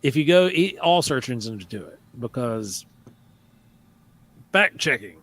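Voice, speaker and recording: Hosting a live show about the paranormal, this podcaster talks casually and with animation, taking mocking jabs at critics and frequently trailing off before restarting. His mid-range voice moves a little slowly, much like a laid-back radio chat.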